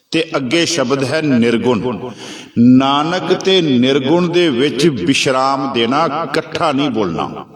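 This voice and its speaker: A man teaching how to recite scripture, chanting verses slowly and carefully between plain explanations. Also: medium pitch, reverberant.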